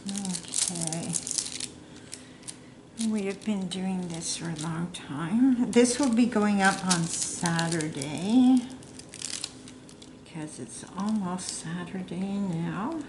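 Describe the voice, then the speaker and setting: Slow, rambling woman chatting while crafting. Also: lowish voice. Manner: rambling, chatty, self-deprecating. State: hiccups. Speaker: crafting vlogger. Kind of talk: casual chat while crafting. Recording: echoey room with clear background noise.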